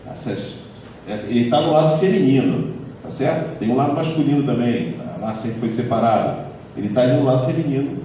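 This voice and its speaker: A man's voice: medium pitch, fairly quick, warm tone, a little hiss or hum. A man giving a live lecture to an audience, talking conversationally and often adding tag questions. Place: lecture hall of a community center. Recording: echoey hall recorded from far off, dull sound.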